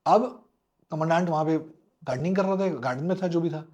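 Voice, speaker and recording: A middle-aged man, a former fighter pilot and interview guest, telling a story in a lively way, acting out the quoted voices and mixing English phrases into his talk. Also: fairly high pitch, brisk.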